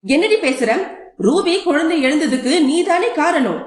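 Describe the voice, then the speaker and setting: A woman's voice: high voice, big pitch swings, normal speed, reverberant. A woman voicing a defensive mother who sharply rebukes her daughter in an audio novel. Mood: rebuking.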